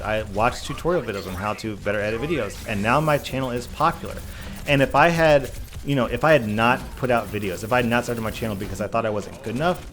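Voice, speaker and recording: A man talking casually and earnestly in a Q&A gaming vlog, stressing his points with repeated, emphatic phrases. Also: mid-range voice. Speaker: YouTube gaming content creator. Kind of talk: casual Q&A vlog talk, reading questions and answering.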